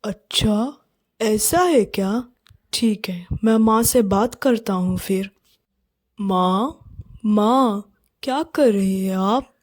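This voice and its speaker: A woman voicing a tired, mild young husband in a cartoon, speaking calmly and reasonably. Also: mid-range voice, takes it slowly, long pauses. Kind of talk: cartoon voice acting.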